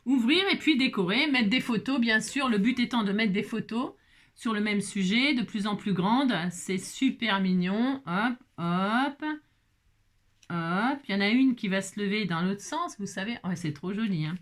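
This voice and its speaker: A woman's voice: mid-range voice, normal speed. A woman chatting casually through a crafting tutorial, exclaiming often and dropping little interjections as she works. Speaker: crafting vlogger.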